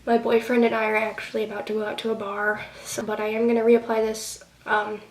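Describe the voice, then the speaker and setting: A young beauty vlogger gives a rambling, casual product review packed with fillers, her voice a bit nasal from a cold. She speaks briskly with a completely flat, mid-range delivery. She's far from the mic in an echoey room, with faint hiss.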